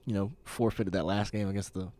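Fast-talking blunt man trading sports takes. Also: low-pitched, fairly even intonation, dark tone, dry recording. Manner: blunt, opinionated, trails off and restarts. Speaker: podcast co-host, Eagles fan. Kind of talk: casual sports banter.

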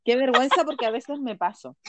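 A Chilean woman co-hosting a podcast in casual chat, excitable and teasing, laughing often. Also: high voice, fast talker, over a noisy crowd. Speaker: podcast co-host.

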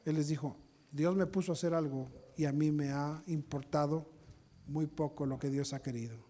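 A man preaching a sermon as a pastor, telling stories, acting out what people said and building to loud peaks. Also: a little high, fairly even intonation, normal speed. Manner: storytelling, acts out quotes, rises to shouting peaks.

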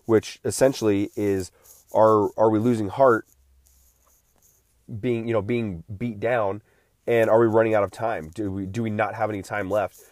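A man's voice: lowish voice, steady tone, moderate pace, a little mellow, no echo. A man in his late thirties talking through a casual solo podcast, rambling with frequent restarts and fillers while recovering from feeling unwell. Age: 30s. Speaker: podcast host.

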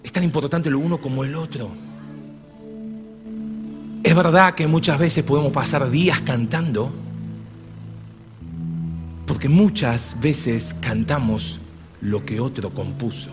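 Pastor preaching in a reverberant hall. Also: male voice, medium pitch, takes it slowly, long pauses. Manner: swings between hushed tender phrases and loud exclamations. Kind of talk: sermon. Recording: long reverb with faint music behind.

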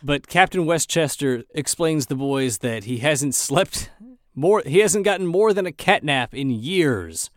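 A man's voice: a little high, expressive, a little slow, dry recording, clean studio sound. A man co-hosting a podcast, casually narrating an episode recap with wry jokes. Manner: wry, joking. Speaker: podcast co-host.

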